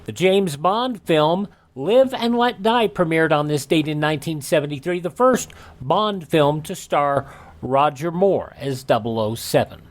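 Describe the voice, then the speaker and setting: An American radio host presents a this-day-in-history segment in a scripted yet informal manner. His voice is on the high side and expressive, delivered at a measured pace.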